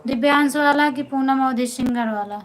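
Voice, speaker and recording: A woman with an Awadhi-tinged Hindi accent chats on a phone live stream in a slightly high voice. She talks in a familiar, easygoing way, greeting viewers by name and reading their comments out as they come in. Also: normal speed, a crowd in the background, low-quality recording. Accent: Awadhi-influenced Hindi. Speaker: folk singer hosting a live stream.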